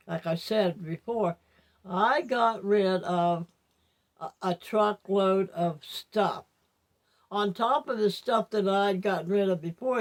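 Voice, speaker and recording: Slow-talking older woman, toothless speech. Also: lowish voice. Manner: rambling, reflective, halting. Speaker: vlogger. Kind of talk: casual personal monologue to viewers.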